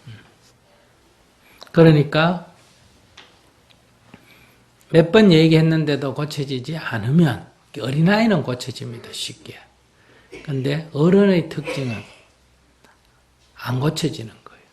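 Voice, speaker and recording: A man's voice: on the high side, animated, unhurried, pauses often, a little mellow. A man, a Buddhist monk, answering a question in a plain-spoken dharma Q&A, with rhetorical questions and everyday examples. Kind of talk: conversational dharma Q&A.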